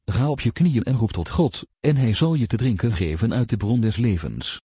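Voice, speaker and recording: A man giving a solemn, measured scripted reading of a gospel tract, citing Bible verse after verse. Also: on the low side, animated, dark tone, slightly rough, no echo, studio quality.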